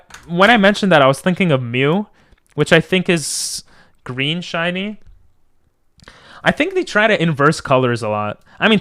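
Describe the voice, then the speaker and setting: A male game streamer with a clear, fairly high voice. He talks casually, slipping between remarks on the game and replies to his chat. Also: pushed and bright. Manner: reacts to chat, thanks viewers, drifts between asides. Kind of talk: casual livestream gaming chat.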